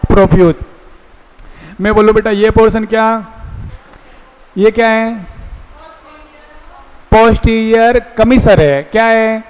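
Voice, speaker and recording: Male teacher, high clear voice, keeps quizzing the class, echoey hall. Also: fairly even intonation, takes it slowly, pauses often, a little mellow. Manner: coaxing call-and-response questioning. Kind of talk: classroom lecture.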